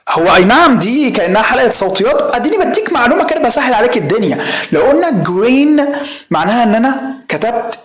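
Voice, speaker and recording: A man's voice: very high voice, sing-song, fast talker, fairly bright tone. A man with an Egyptian Arabic accent teaching an online English lesson. He repeats each word many times and coaxes the learner with teasing asides.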